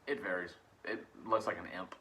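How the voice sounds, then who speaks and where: A man's voice: deep voice, fairly quick, bright, forceful tone. A young man co-hosting a casual chat, telling cryptid stories in a laid-back way and laughing often. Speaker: podcast co-host. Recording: faulty microphone audio.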